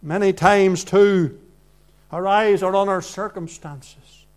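Delivering an evangelical sermon in earnest, this high-voiced man keeps a steady tone. His phrases are short and deliberate, moving from near-whispers to loud projection.

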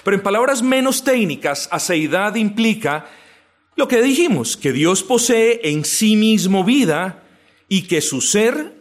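Man teaching a sermon, slow emphatic words. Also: high-pitched, lively intonation. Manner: deliberate, stretches key words slowly for emphasis; addresses listeners as brothers, asks and answers own questions. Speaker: pastor teaching doctrine.

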